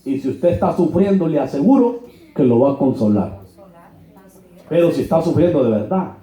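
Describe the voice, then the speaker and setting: A pastor from Honduras preaching a sermon in a church, colloquial and mocking, acting out quoted dialogue. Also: male voice, fairly high pitch, animated, moderate pace, warm tone. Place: church hall. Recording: echoey church, dull lo-fi sound.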